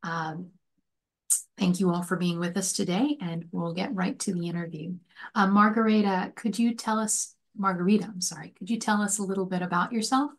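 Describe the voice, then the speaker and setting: Brief: woman host, somewhat low voice, halting intro with slips. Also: steady tone. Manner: hesitant, stumbles over words. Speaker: interviewer. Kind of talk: interview introduction.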